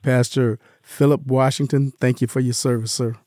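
A man's voice: medium pitch, flat delivery, normal speed, darkish tone, no room sound. A man hosting a radio interview show from a studio, friendly and encouraging, filling in with short affirmations.

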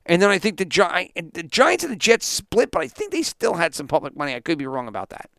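A man's voice: fairly high pitch, sing-song, brisk, vocal fry, fairly bright tone, no echo, clean studio sound. A man hosting a sports podcast, ranting indignantly and sarcastically, with plenty of swearing. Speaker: podcast host.

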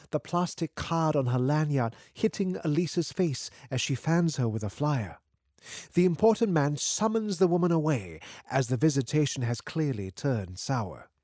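A man's voice: fairly high pitch, darkish tone, no echo, clean studio sound. A man narrating a literary story from a script.

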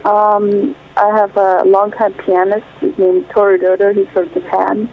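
Speaking a little slowly at medium pitch with little movement in her voice, this Illinois singer is a guest on a phone interview. The line sounds tinny, and she pauses thoughtfully, filling gaps with frequent fillers as she searches for words.

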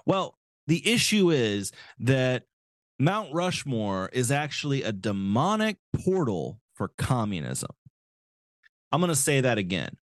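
A male podcast host ranting sarcastically in a casual comedic style, swearing freely. His pitch swings widely with lively intonation, and the sound is dry and close to the mic. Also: a little slow, no echo.

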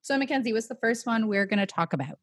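A woman's voice: a little high, lively intonation, fast, slightly rough, dry recording, clean studio sound. A woman co-hosting a podcast on a radio station, chatting in a lighthearted, casual way. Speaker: podcast co-host. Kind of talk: casual chat. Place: radio studio.

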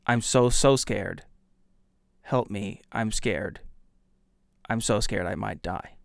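A man's voice: lowish voice, slow pace, gravelly, no room sound, clean studio sound. A man mimicking a friend as whiny and terrified, whimpering in a mock-scared tone. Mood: mock terror.

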